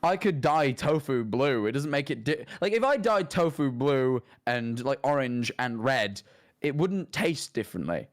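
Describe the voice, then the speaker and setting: A man's voice: mid-range voice, lively intonation, a little slow. A man in casual comedic chat as a co-host, with dry, self-deprecating humour. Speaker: co-host reading listener confessions.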